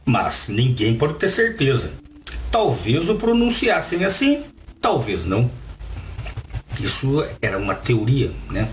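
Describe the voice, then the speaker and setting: A Brazilian-accented man reads a passage aloud, then breaks off to explain it in his own words. His pitch swings widely and he keeps asking the listener questions. The voice sounds roomy and echoey, with a faint hiss underneath. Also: takes it slowly. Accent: Brazilian Portuguese. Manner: lively, asks the listener rhetorical questions. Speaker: Bible reader and teacher. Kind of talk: reading a text aloud with added commentary. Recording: roomy echo with faint background noise.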